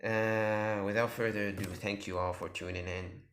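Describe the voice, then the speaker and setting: A man's voice: on the low side, level tone, moderate pace, fairly bright tone, a little hiss or hum. A man hosting his channel, narrating a fan story casually in a rambling, improvised way.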